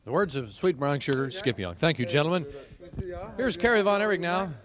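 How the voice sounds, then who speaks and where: A man's voice: a little high, animated, a little fast, fairly bright tone. A man in his twenties hosting a wrestling promo as broadcast interviewer, holding a handheld microphone. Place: indoors, small locker room.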